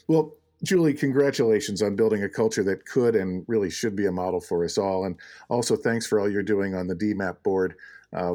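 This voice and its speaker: A man hosting an interview podcast, speaking in a measured and congratulatory way. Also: fairly low pitch, a little mellow. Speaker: podcast host.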